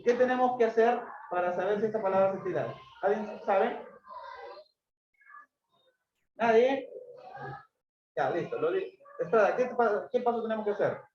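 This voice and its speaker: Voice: mid-range voice, normal speed. A teacher questioning pupils one by one in a classroom lesson, strict and insistent. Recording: roomy dull recording, clear background noise.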